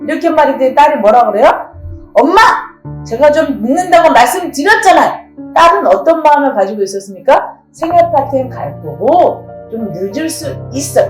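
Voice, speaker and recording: A woman's voice: sits high, darkish tone. A middle-aged woman, a counseling professor, lecturing and asking her audience rhetorical questions. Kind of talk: lecture on family communication. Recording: roomy echo, faint music.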